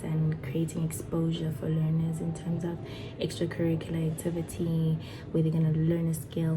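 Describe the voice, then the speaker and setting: Young woman vlogger, low even voice, nervous chatty delivery, music bed. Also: poor audio. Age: 20s. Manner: chatty, excited, nervous, with many fillers and restarts. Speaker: vlogger and foundation founder. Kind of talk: casual talk to camera.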